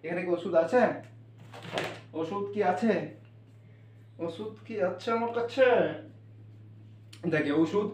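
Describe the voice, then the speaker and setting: Male teacher, Bengali accent, high voice, spells words out slowly, captured from a distance. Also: darkish tone, a little hiss or hum. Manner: explains step by step, spells words letter by letter with fillers. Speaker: English teacher. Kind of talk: classroom lesson on spelling and pronunciation. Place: classroom. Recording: echoey room, voice from off the mic.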